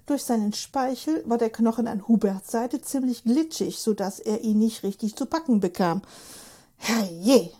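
Woman narrator, audiobook reading, mellow warm tone, fairly high voice, expressive. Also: moderate pace, hardly any pauses. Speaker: storyteller.

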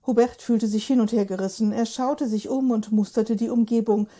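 Woman narrator, audiobook reading, mellow warm tone, fairly high voice, expressive. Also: moderate pace. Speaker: storyteller.

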